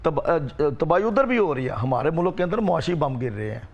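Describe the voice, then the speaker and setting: A man, a rickshaw union representative arguing forcefully in a studio debate and insisting on being heard. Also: fairly high pitch, big pitch swings, fairly quick, muffled recording.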